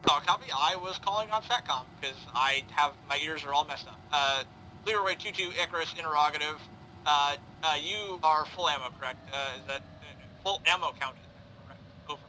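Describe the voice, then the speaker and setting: Brief: male gamer pilot, somewhat high voice, halting military radio procedure, clear vehicle noise. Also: pushed and bright. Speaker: helicopter pilot player in a military simulation game. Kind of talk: military radio chatter, gaming. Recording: noisy, vehicle sound behind.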